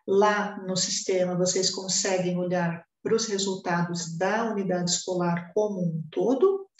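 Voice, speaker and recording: A woman from Brazil explaining reading assessment results in a training presentation, pausing often with fillers and tag questions. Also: lowish voice, echoey room. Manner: many fillers and restarts, repeated "né?". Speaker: education trainer.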